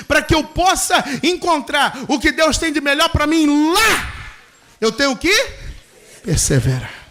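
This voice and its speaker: A man preaching a sermon as a pastor, with a Brazilian Portuguese accent, telling a story in a lively way and acting out the people in it. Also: extremely high pitch.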